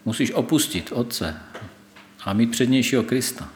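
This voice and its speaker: Man, sermon, thoughtful delivery with small pauses, middle pitch, echoey room. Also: lively intonation, slight background noise. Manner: retells scripture and quotes God's words with emphasis; thoughtful, with hesitations. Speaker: preacher.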